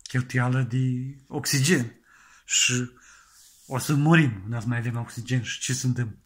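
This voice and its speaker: Guy rambling through a comedy bit, earnest, keeps restarting his sentences, mid-pitched voice. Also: level tone, fairly bright tone. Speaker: comedian playing an extreme penny-pincher. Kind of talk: comedic monologue sketch.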